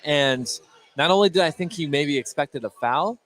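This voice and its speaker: A male play-by-play announcer with a voice on the high side and a bit bright works a live basketball radio broadcast at a moderate pace. Soft music and gym noise sit behind his short, clipped calls, which climb on the big plays, and the recording is clearly noisy.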